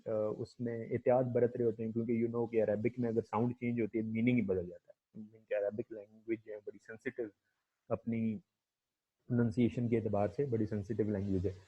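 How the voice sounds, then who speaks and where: Male phonetics lecturer, mellow and dull-sounding, lo-fi capture, halting delivery. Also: medium pitch, level tone, breathy edge. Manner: hesitant, fills with "okay", slowly demonstrates sounds. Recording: muffled lo-fi recording.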